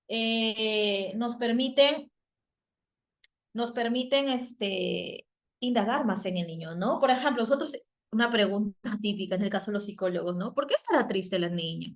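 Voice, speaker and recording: A Peruvian psychologist giving a virtual class on a video call, often asking the class questions and using many fillers and tag questions. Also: female voice, mid-range voice. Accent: Peruvian Spanish. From Peru. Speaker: psychologist and teacher.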